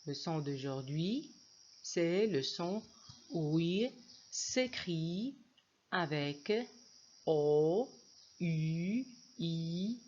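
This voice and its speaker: A woman teaching young children to read in a phonics lesson, spelling each word out letter by letter in a slow, deliberate way. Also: fairly low pitch, lively intonation, darkish tone, dull audio, a little hiss or hum. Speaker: reading teacher.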